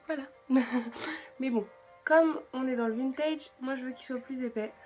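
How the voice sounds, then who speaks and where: Woman, French accent, casual makeup tutorial, slightly high voice, faint music behind. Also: moderate pace. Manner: chatty, self-mocking asides. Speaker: beauty vlogger.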